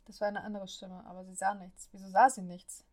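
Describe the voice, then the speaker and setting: Woman narrating a story in a flat voice. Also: mid-range voice, brisk. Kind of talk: audiobook narration of an amateur story.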